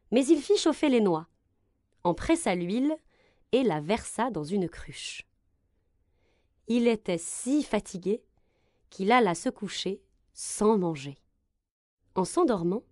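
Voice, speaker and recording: A woman reads a children's story aloud with expressive, gentle narration. Her pitch rises and falls a lot as she tells it. The sound is dry and close, with no room echo.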